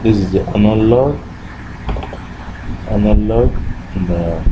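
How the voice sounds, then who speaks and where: Speaking slowly in a lowish voice, this man leads a casual tech tutorial one step at a time while noise fills the background and the high frequencies sound cut off. He often quizzes himself with brief questions, repeating "what", then supplies the answers.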